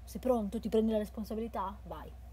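An Italian woman translating and reading a horror game aloud, moving between quiet narration and loud joking remarks. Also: mid-range voice, brisk, a little hiss or hum. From Italy. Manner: reads narration softly then breaks into loud, playful commentary. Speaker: let's play host translating a game aloud.

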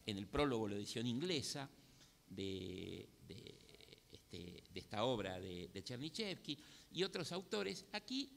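A man with an Argentine accent, speaking as a panelist at a book presentation in a measured, thoughtful academic manner, pausing often to restart his phrases. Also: medium pitch, sing-song, creaky. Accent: Argentine Spanish. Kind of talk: academic commentary at a public event. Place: museum hall. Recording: reverberant hall with faint ambience.

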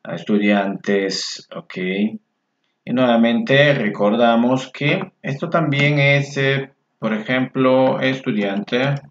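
A man teaching a Spanish grammar lesson to learners in a friendly way. He repeats words slowly and mutters asides to himself while fixing his screen. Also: medium pitch. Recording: echoey room, dull lo-fi sound.

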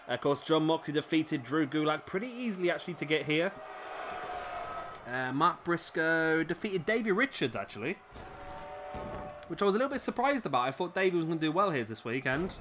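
A man with hiccups gives chatty, casual play-by-play on a wrestling video game, often tacking on tag questions and correcting himself. His voice is a little high and a bit bright.

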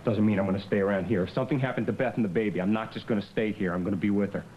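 A man's voice: lowish voice, steady tone, very fast, muffled recording, a little hiss or hum, natural voice. An actor playing a frustrated man stranded on an island who keeps trying out disguises, in an agitated and exasperated soap-opera scene. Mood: determined. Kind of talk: 1990s-2000s television soap acting.

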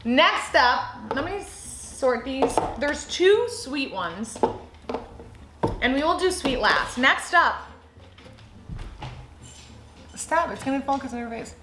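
A woman's voice: high voice, expressive, slow. A young woman chatting casually as she gives her taste reactions on camera in a room. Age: young adult. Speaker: co-host of a taste-test video. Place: indoors at a table in a room. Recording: echoey room, faint noise.

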